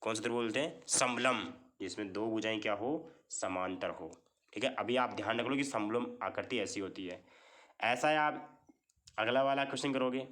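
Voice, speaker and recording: A male teacher walks through a maths lesson at an even, mid-range pitch. He goes step by step, repeats key points and keeps checking with the class. Often he asks a question and then answers it himself. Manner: explains step by step with many repeated checks like "theek hai".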